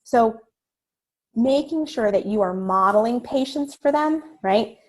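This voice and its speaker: A woman psychologist giving parents advice in an informal webinar, speaking in a calm, reassuring way with many "um"s and "right?"s. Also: fairly high pitch, unhurried.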